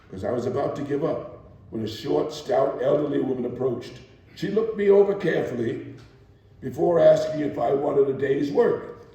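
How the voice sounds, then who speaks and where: A man with a warm, medium-pitched voice gives a theatrical first-person dramatic reading, deliberate and emphatic, full of dramatic pauses. It's a live performance captured far from the mic in a reverberant, echoey room.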